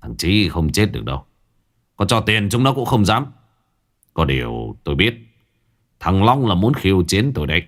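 A man voicing a stern older martial arts master who speaks gruffly, holding back anger. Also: sits low, very animated, normal speed, pauses often, fairly bright tone, heavily acted. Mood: restrained.

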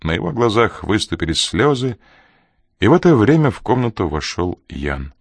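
Low-voiced male audiobook narrator. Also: big pitch swings, normal speed, no room sound, clean studio sound.

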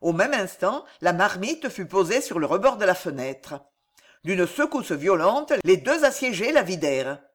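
An audiobook narrator reads a historical adventure with dramatic, rhythmic phrasing. The pitch moves in a lively way through each sentence. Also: normal speed. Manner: expressive, rhythmic reading.

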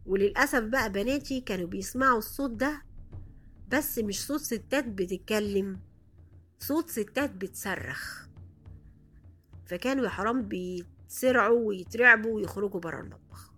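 A woman with an Egyptian Arabic accent narrating a first-person horror story in a dramatic, expressive way. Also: medium pitch, brisk.

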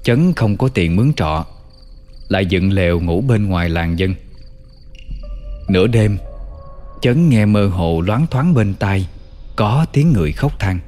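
A man narrating an old folk tale in a calm, measured way. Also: on the low side, big-room sound, soft background music. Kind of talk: storytelling narration.

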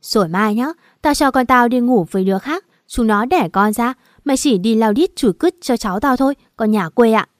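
A woman's voice: on the high side, animated, fairly quick, few pauses, no echo, clean studio sound, natural voice. Woman reading as a spiteful, scornful mother-in-law. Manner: spiteful, insulting, contemptuous. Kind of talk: audiobook character voice.

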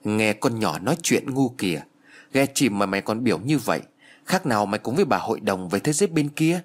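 A man's voice: fairly low pitch, animated, brisk. A man voicing a grim, mocking young man returned from death for revenge, in a spoken horror story. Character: vengeful young man back from the dead.

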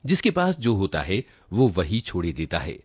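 At normal speed and with no echo, a man tells a first-person literary story in his fairly low, husky voice. He reads dramatically and thoughtfully, with very lively swings of pitch.

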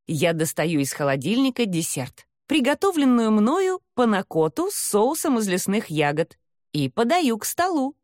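A woman with a slightly high, somewhat mellow voice narrates a novel in the first person as an audiobook reader. Her expressive, dramatic reading acts out the dialogue. The studio-quality sound has no room tone.

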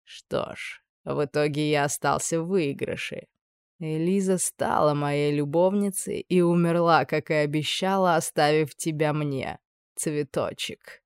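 A woman voicing a scheming, menacing older male judge with a low, insinuating purr. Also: steady tone, a little slow, creaky, darkish tone, smooth, no room sound, clean studio sound.

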